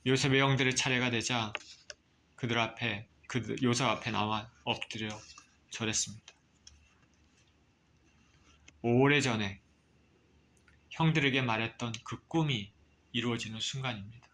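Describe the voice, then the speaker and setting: A man preaching a sermon as pastor, reading scripture and explaining it with measured pauses. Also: mid-range voice, steady tone, fairly bright tone, a little hiss or hum.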